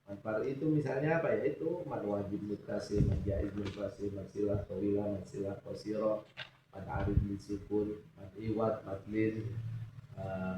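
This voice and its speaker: Male religious teacher, lowish voice, quizzes students as he goes, echoey distant recording. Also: noisy background. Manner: asks students questions and lets them answer. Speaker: Quran recitation teacher. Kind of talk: informal religious lesson. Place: mosque study hall. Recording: echoey room, distant mic, dull sound.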